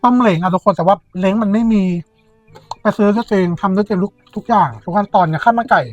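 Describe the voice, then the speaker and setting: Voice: medium pitch, quick pace, no room sound. A food vlogger and host chatting casually and informally, speaking straight to followers. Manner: informal, chatty, addresses viewers directly. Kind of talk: casual mukbang chat to followers. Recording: dull, lo-fi sound with background music.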